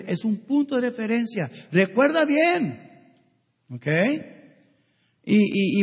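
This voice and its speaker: A man's voice: high voice, slightly rough. A pastor preaching a sermon, emphatic and full of rhetorical questions to his congregation, now and then dropping in an English word. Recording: long hall reverb.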